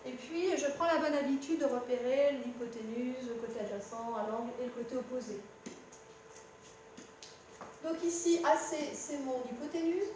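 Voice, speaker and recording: A woman's voice: high-pitched, moderate pace, a little mellow, distant mic. A woman math teacher patiently explaining a lesson at the board, speaking directly to the student and correcting herself as she goes. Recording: very echoey room with faint hum.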